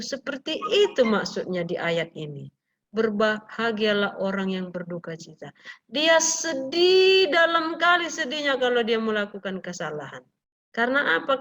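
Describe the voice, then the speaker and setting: Higher-voiced woman teacher, lively questioning, muffled lo-fi call audio. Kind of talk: online class lesson.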